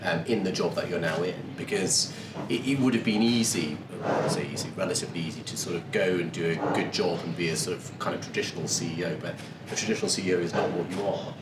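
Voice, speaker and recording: Man, interviewer, low voice, polite hedging questions, far from mic, noisy. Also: fast talker, few pauses. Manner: polite, elaborate questioning with hedges. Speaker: interview host. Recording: distant echoey mic with noise.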